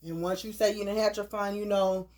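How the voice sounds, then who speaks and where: A woman's voice: mid-range voice, fairly even intonation, fairly quick, darkish tone, slight background noise. A woman in her thirties talking casually and earnestly, giving advice in a preachy way and often repeating her words. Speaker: host.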